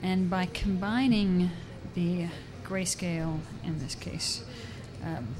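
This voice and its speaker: A low-voiced Australian woman takes her time as she chats in a radio interview amid a busy public fair's crowd noise. She is a university professor and an artist, and she laughs often and restarts her sentences.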